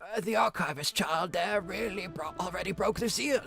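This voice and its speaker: A woman's voice: lowish voice, normal speed, creaky, over music. A woman voicing a grumpy, pompous old male dragon, small and indignant, for a video game. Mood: haughty, demanding. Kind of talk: video game character voice-over read aloud.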